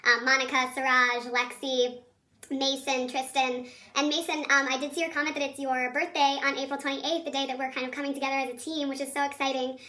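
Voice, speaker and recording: A woman with a squeaky, helium-like chipmunk voice teaching children in a chatty, encouraging, informal video lesson. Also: little pitch movement, brisk, sharp tone. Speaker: elementary school teacher.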